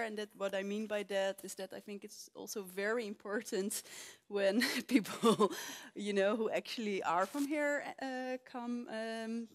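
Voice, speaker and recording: A woman moderating a live lecture event, talking casually with many fillers and small laughs as she questions the audience. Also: medium pitch. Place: lecture hall.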